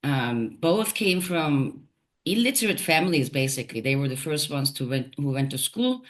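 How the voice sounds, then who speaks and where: A woman from Turkey, a poet and translator, talking reflectively in an interview, thoughtful and halting with many fillers and restarts. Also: deep voice, animated.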